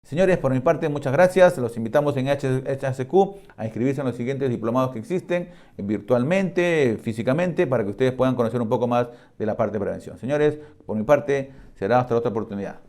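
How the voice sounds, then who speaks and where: Mellow-voiced male safety instructor. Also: mid-range voice, lively intonation, fairly quick, hardly any pauses. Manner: conversational, with fillers and checking questions. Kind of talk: recorded lecture and storytelling.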